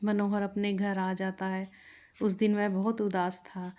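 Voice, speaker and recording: A woman's voice: mid-range voice, level tone, measured pace, mellow. A woman reading a moral storybook tale aloud as narrator, voicing each character in the dialogue herself.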